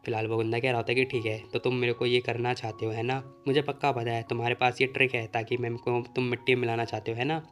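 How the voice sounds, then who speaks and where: A man talks fast through a casual recap of a comic story. He quotes each character's lines himself without taking on a new voice. Faint instrumental music plays beneath him. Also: medium pitch, level tone, fairly bright tone. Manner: retells the plot, quoting the characters' lines in his own plain voice. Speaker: manhwa recap narrator.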